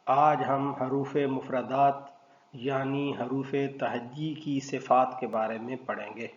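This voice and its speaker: A male Quran teacher giving a pronunciation lesson, slowly and deliberately sounding out letters one at a time. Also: mid-range voice. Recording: roomy, dull lo-fi sound.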